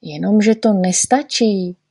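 A woman's voice: mid-range voice, mellow, slightly rough, no room sound, clean studio sound. A woman voicing a fussy little male poet in a storybook reading, patiently explaining and correcting. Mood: lecturing.

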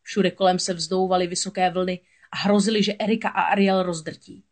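A woman narrating a children's storybook aloud in a steady, expressive voice. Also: on the low side.

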